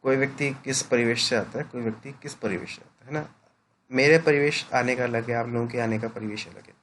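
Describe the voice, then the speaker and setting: A man teaching a class in a patient, explanatory lecture, pausing often to ask his students "right?". His voice sits at an ordinary middle pitch. A faint hum of ambience hangs behind him. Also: fairly even intonation, a bit bright. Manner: explanatory, peppers sentences with "right?" tag questions.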